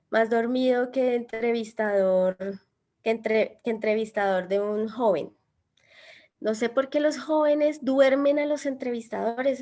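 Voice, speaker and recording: A middle-aged woman leads a job-skills workshop. Her voice sits slightly high, and she speaks in an animated, expressive way, often turning questions to the group. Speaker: employability workshop trainer and former recruiter. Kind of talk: lively instructional talk to a class.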